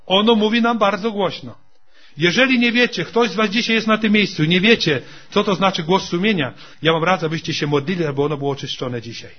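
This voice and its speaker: A man's voice: high voice, fast, lo-fi sound. A man preaching a sermon to his congregation, repeating his points with emphatic calls and addressing them as brothers and sisters.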